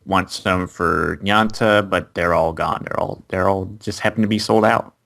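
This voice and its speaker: Male co-host, deep voice, casual anime recap, lots of "uh" and restarts. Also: fairly even intonation, normal speed, vocal fry, fairly bright tone. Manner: plot recap with fillers and restarts. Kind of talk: casual review chat.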